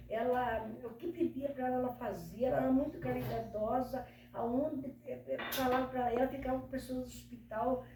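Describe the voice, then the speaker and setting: A woman's voice: on the high side, mellow, slight background noise. An older woman telling her life story in casual talk, devout and often quoting prayers and her grandmother. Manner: devout, retells prayers and quotes elders. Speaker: interviewee. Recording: echoey room from far off.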